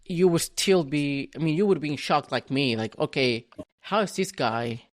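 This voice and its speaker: As a guest on a podcast, a man from Venezuela, a native Spanish speaker, looks back on his life in a relaxed, storytelling way. He talks at a normal speed in a somewhat high voice, frequently starting over and repeating himself.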